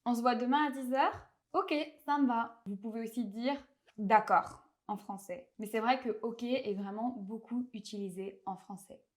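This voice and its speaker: A fairly high-voiced woman with a French accent gives a language lesson. She explains things clearly and patiently, and she slows her speech whenever she wants a pronunciation to stand out. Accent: French of France. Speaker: French teacher.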